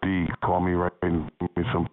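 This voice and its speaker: A man's voice: low-pitched, monotone, moderate pace, faint music behind. A man leaving a voicemail on a chat line over a tinny phone line, repeating his number again and again. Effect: voicemail message played over a phone line.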